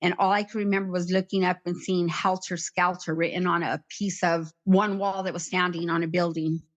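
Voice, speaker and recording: A middle-aged woman recounting her past in an interview, in a plain, halting way with many "like" fillers. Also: lowish voice, flat delivery. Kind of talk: personal account in conversation.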